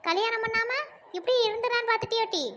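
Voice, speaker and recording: A woman's voice: extremely high pitch, fast, a bit bright, a little hiss or hum. A woman voicing a stern, scolding village mother in a cartoon who nags and threatens her daughter. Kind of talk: cartoon dub acting.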